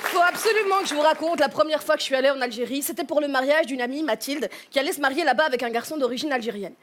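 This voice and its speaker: High-voiced sarcastic woman comedian. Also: a faint crowd, slight background noise. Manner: brisk, sarcastic, deadpan asides. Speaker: stand-up comedian. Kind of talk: stand-up comedy set. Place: stage with a live audience. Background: faint audience.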